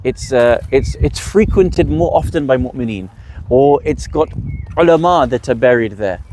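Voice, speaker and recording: Over a noisy background, a man with a mid-range, animated voice speaks at normal speed while leading a religious workshop. In this teaching talk he explains rules, raising rhetorical questions and then resolving them.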